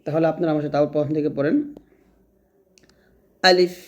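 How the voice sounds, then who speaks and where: A man teaching pronunciation as a patient teacher. He repeats each sound slowly so his learners can follow. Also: on the high side, little pitch movement, mellow. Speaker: Quran recitation teacher. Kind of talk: step-by-step pronunciation lesson.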